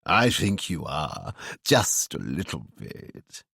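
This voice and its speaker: A man's voice: lowish voice, very animated, slow, fairly bright tone, breathy edge, dry recording, clean studio sound, heavily acted. A man reading an audiobook, voicing an oily, unstable, condescending man with a sly, taunting manner. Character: oily, mocking, unstable middle-aged man.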